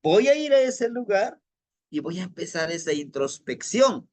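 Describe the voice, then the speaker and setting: A man, leading a guided spiritual lesson in a gentle, reflective way, often asking rhetorical questions. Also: high-pitched, sing-song, normal speed. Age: 40s. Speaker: spiritual teacher.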